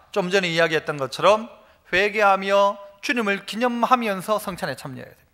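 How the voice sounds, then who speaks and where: A man's voice: high-pitched, pushed and bright. A male pastor preaching a sermon at a church service, emphatic, having the congregation repeat phrases and telling homely stories to make his point. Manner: storytelling with homely examples.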